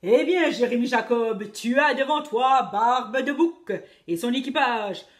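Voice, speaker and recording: A woman voicing a loud, bossy male pirate captain who shouts his orders in a children's storybook. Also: a little high, a little slow, natural voice.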